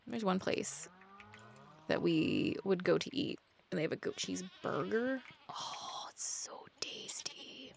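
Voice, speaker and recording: Slight background noise sits behind a fairly low, gravelly, a little mellow female voice that's expressive and measured in pace. She's an author chatting over a farming game, drifting from one thought to another, saying "like" a lot, and at moments almost whispering.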